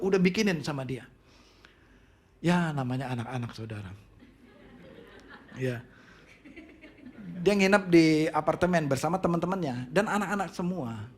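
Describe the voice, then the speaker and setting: A middle-aged man preaching a sermon, telling a personal story in an animated way and mixing in English phrases. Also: a little high, husky. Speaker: pastor.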